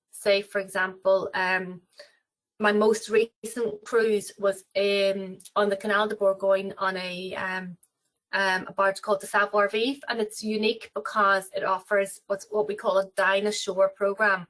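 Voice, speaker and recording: A woman's voice: mid-range voice, little pitch movement, a little slow, fairly bright tone, rough recording. A woman with an Irish accent, talking about cruises in a webinar interview, rambling with many fillers and restarts. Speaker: travel company representative.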